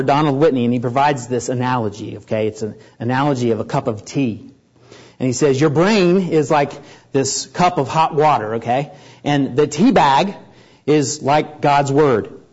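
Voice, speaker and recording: Man, pastor, sermon, earnest, husky, muffled recording. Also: darkish tone. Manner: earnest, rising in pitch and volume for emphasis.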